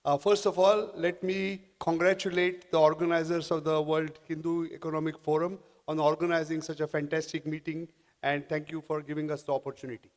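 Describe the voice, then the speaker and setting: An Indian panel speaker addresses a conference audience in a slightly high-pitched, level voice. He speaks haltingly and often restarts his phrases, and a long reverb from a large hall trails his words.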